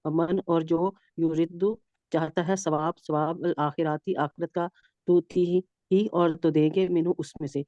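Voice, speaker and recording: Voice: medium pitch, steady tone, dark tone, no room sound. Hesitant student on a video call. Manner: hesitant, breaks off mid-word. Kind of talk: reading verses with word-by-word translation. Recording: dry, muffled video call audio.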